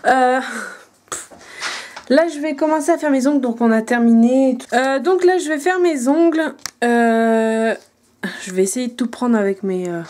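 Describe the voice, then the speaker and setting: A woman's voice: sits high, unhurried, a little mellow, a little hiss or hum. Rambling young woman vlogging at home. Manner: rambling, hesitant, chatty. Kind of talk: casual vlog chat. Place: at home indoors. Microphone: handheld camera.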